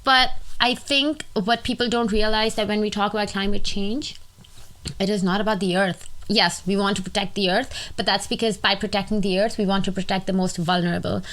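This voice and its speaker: A young woman co-hosting a casual podcast chat, animated and emphatic as she makes her points. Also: mid-range voice, a little fast. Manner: animated, emphatic, mocking quoted voices. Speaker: podcast co-host.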